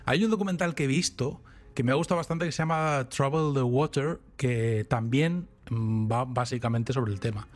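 This man, a podcast co-host from Spain, has a medium-pitched voice and a moderate pace. He's chatty and tells stories in a rambling, animated manner with frequent restarts during casual chat.

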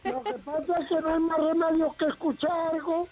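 A man's voice: very high-pitched, fairly even intonation, fairly quick. A man calling in to a radio show by phone. His voice carries a cathedral-like echo, and he talks bluntly, calling people "son". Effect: cathedral-like echo on his phone line. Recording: echoey, hall-like reverb over a phone call.

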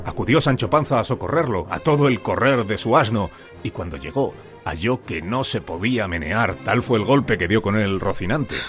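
A man narrating a radio drama in a measured storytelling way. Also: on the low side, lively intonation. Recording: narration over clear music.

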